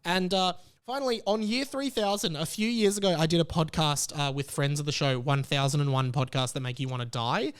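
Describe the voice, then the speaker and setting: Brisk and barely pausing, a podcast host with a slightly high, clear, resonant voice chats informally. He rambles, breaks into his own sentences, and restarts them amid many fillers.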